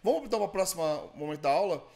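Animated Brazilian man teaching English. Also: fairly high pitch, rapid-fire, vocal fry. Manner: explanatory, animated, peppered with tag questions. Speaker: English teacher and podcast host. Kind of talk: casual bilingual English lesson.

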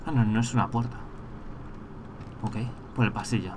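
A man giving casual let's-play commentary, thinking aloud and breaking into excited rants. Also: fairly low pitch, moderate pace, background noise. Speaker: gameplay streamer.

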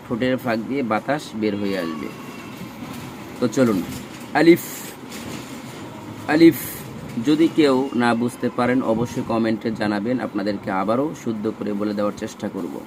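A man teaching Arabic letter pronunciation in a slow lesson, saying each letter sound and repeating it for practice. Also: medium pitch, noisy background.

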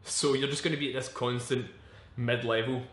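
Man, 20s, personal vlog, halting, frank, swears, mid pitch, echoey room. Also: fairly even intonation, a bit bright. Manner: halting, searching for words, frequent restarts. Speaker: vlogger. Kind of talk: candid personal vlog monologue.

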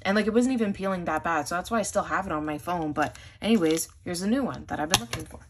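A woman's voice: on the low side, fast, slight background noise. A young woman vlogger chatting casually through an unboxing haul, gushing over items, saying "like" a lot, with the hiccups. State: has the hiccups.

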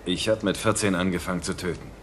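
A man acts a cold, commanding killer in a television crime drama. His voice is low and his orders are curt and menacing, over a very noisy soundtrack. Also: steady tone, fast talker, close to an everyday voice. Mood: cold, controlled.

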